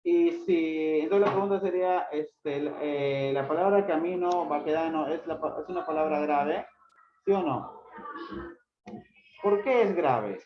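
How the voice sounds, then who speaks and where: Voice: medium pitch, unhurried. A teacher giving a classroom grammar lesson, quizzing students by name with repeated questions and scolding them for not reviewing the book. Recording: echoey room, dull lo-fi sound, loud background noise.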